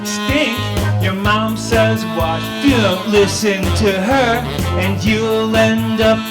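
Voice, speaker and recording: A man's voice: sits high, roomy sound. Man as a gleefully filthy, chanting monkey. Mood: gleefully gross. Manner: slow, drawn-out half-sung chanting. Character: gleefully filthy stink monkey, male mischief-maker. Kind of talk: comic children's song performance. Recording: music behind.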